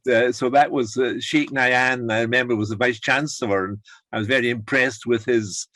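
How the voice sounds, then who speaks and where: A man's voice: mid-range voice, fairly even intonation, fairly quick, fairly bright tone, dry recording. An older man leading an online course, chatting encouragingly over a video call and rambling with restarts. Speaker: course leader. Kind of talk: casual chat on a video call.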